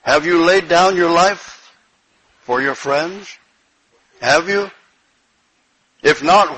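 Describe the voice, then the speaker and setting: A man's voice: high voice, a bit bright, slight background noise, low-quality recording. A man preaching a sermon, reading King James scripture aloud and breaking in with emphatic repeated phrases and praise.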